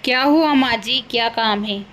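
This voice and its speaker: A woman voicing a meek, hardworking young daughter-in-law in a cartoon, gentle and polite. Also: a little high, moderate pace, slight background noise, lightly acted. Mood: pleading. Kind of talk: cartoon voice acting.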